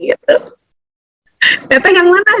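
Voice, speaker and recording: A woman, giving a lively seminar talk as a doctor, laughing often and acting out voices. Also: extremely high pitch, unhurried, dry recording, rough recording.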